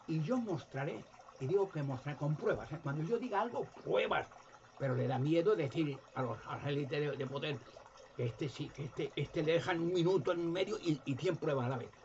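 A man with a Spanish accent giving an impassioned monologue, emphatic, repeating words and acting out quoted voices. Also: fairly high pitch. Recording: dull lo-fi audio with loud background noise.

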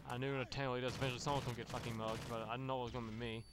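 Speaking rapid-fire in a mid-range voice with little pitch movement, a man running a gaming channel tells a long, loose, profane story over gameplay, restarting often and leaning on fillers. Video game gunfire plays behind him.

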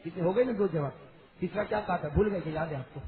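A male preacher telling a story as a sermon, quizzing his audience and shouting to drive points home. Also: on the high side, roomy sound. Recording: tinny lo-fi recording with loud crowd noise.

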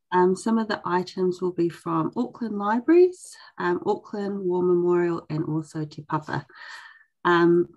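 A woman's voice: on the low side, a little mellow, rough recording. A young woman casually presenting as host of an online session. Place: indoors on a video call.

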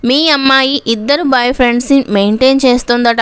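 A woman's voice: sits high, brisk, clean tone. Woman reading as a stern hostel warden. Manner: sharp, scolding.

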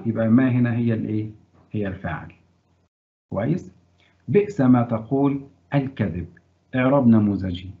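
A man with an Egyptian accent teaching a grammar lesson, quizzing his students and praising their answers. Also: mid-range voice. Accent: Egyptian Arabic. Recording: tinny phone-like sound.

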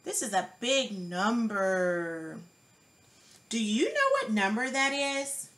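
A woman with a bright, highly animated voice teaches a child to count at a very slow, deliberate pace. She is encouraging, like a preschool teacher, with questions and praise. There is some faint background noise.

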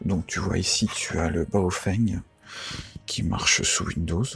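A man's voice: deep voice, steady tone, a little slow, creaky, a bit bright, slightly rough. A man giving a casual, informal how-to tutorial, chatty and full of fillers and self-corrections. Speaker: radio tutorial maker.

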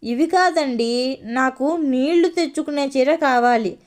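A woman voicing a naive, timid young woman who pleads slowly and meekly. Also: sits high.

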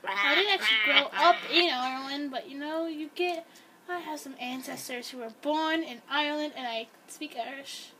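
Against a noisy background, a young gameplay host chats in a high-pitched voice at a moderate pace, rambling casually as she plays. A camera pointed at a screen did the recording.

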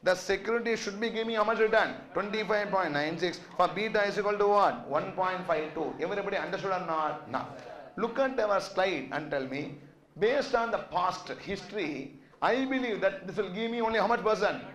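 Higher-voiced Tamil-accented man teaching, echoey room. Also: brisk, fairly bright tone. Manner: quizzing, repeatedly asking questions and checking understanding. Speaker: finance lecturer. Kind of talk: interactive classroom teaching. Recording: echoey classroom sound.

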